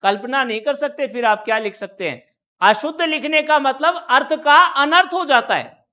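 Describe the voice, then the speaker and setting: A man's voice: very high-pitched, moderate pace, pushed and bright. A man teaching Hindi grammar in a classroom lecture. He explains step by step, keeps quizzing the students with repeated questions, and draws out syllables when he sounds out example words.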